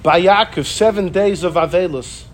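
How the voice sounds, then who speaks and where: Here a notably high-voiced man teaches a casual Torah session at ordinary speed. His delivery is animated, full of repetition, and he performs the voices of the speakers he cites.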